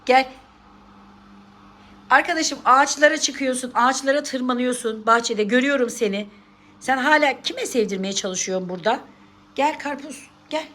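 A woman's voice: high voice, moderate pace, pushed and bright. A woman vlogging at home, coaxing and teasing her pet cat and scolding it playfully in casual pet talk.

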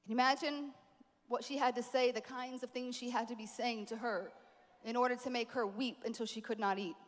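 A woman preaching a sermon at a conference, animated, with playful asides to the crowd. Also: on the high side, a little fast, in a large hall. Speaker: conference speaker. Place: large conference hall.

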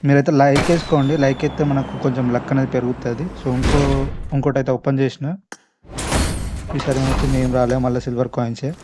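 Fast and level in tone, a mid-range male voice delivers informal gameplay commentary straight to his audience. The gaming host has a Telangana Telugu accent, and faint background noise and clicking can be heard.

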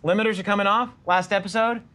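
A man's voice: high-pitched, fairly even intonation, fast, bright, forceful tone. A man in his thirties narrating and hosting a tabletop game show as game master. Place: indoor studio set dressed as a tavern. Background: music.

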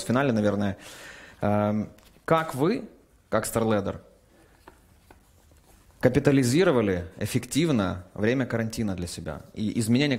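A man hosting an online interview, asking long rambling questions with animated asides. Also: lowish voice, gravelly. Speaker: interview host.

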